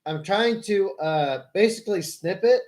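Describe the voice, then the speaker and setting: High-pitched man explaining and correcting. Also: expressive, measured pace, a little mellow. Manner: explanatory, corrects and rephrases the other speaker. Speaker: livestream host. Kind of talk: live political debate with a caller.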